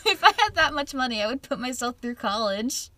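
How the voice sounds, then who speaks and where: High bright giggly young woman. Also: big pitch swings, far from the mic, slight background noise. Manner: giggly, quick to laugh. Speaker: podcast co-host. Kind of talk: casual chat.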